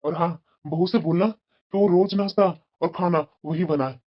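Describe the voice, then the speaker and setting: A woman's voice: fairly low pitch, moderate pace, close to an everyday voice. A woman voicing a caring, anxious older father-in-law in a cartoon, talking in a pleading, fretful way. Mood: instructing. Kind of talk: cartoon voice acting. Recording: dull lo-fi recording.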